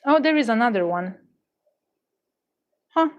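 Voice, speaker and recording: A woman's voice: fairly high pitch, animated, unhurried, muffled recording. A young adult woman livestreaming, chatting casually with her viewers in a gushing, exclamatory way, often stumbling and restarting her words. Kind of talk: casual chat with live viewers.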